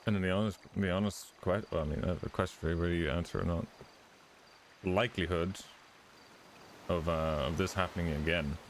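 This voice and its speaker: Deep-voiced, blunt, profane man. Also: steady tone, fairly quick, long pauses, a little hiss or hum. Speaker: motorcycle club member in a roleplay. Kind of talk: in-character roleplay chat.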